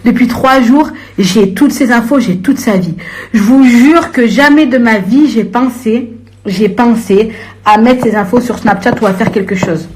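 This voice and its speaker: A young woman ranting to viewers on a live stream in a confrontational, slangy way, swinging from low grumbling to shrill outbursts. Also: a little slow, darkish tone.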